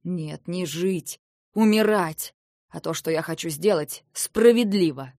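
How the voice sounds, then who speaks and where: A woman reading an audiobook, voicing a stern, proud male warlord who speaks in a low, measured, domineering way. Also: level tone, gravelly, no echo, clean studio sound. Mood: furious. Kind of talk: audiobook dialogue.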